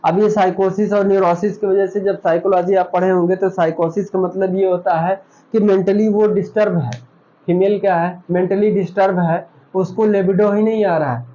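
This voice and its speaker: A man's voice: sits high, mellow, muffled recording. A man teaching a nursing class, who asks his own questions, answers them and repeats the key terms for his students. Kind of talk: classroom lecture.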